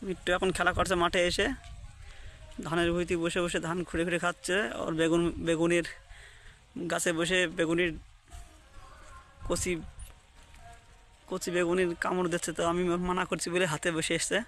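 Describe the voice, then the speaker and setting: A man's voice: sits high, completely flat delivery, moderate pace, pauses often, fairly bright tone, soft background music. A man filming outdoors in fields and a flower garden, talking to his pet parrot in a coaxing, baby-talk way.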